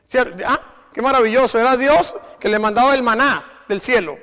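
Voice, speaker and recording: A man's voice: extremely high pitch, normal speed, fairly bright tone, smooth, soft background music. A male preacher giving a sermon, exhorting his congregation and firing rhetorical questions at them. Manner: exhorting, repeats "imagine". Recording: long reverb of a hall.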